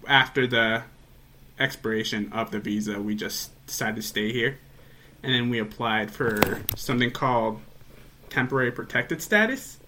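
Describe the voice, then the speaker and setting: Bright-voiced man from El Salvador. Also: mid-range voice, slight background noise. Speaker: interviewee. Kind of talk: recounting his family story in an interview.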